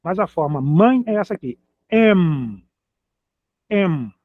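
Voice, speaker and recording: A man teaches with unhurried, deliberate patience, spelling letters out and repeating words. His voice sits a bit high for a man. The sound is dry and thin, like a phone line. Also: lively intonation, no echo. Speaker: Hebrew teacher. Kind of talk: slow explanatory lesson.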